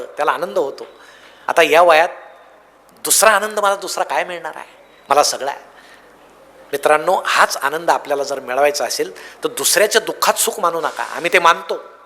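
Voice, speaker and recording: A man's voice: high-pitched, sharp tone. A man giving a motivational talk, telling anecdotes and acting out their dialogue. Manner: tells anecdotes, acts out dialogue. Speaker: motivational speaker. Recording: long hall reverb.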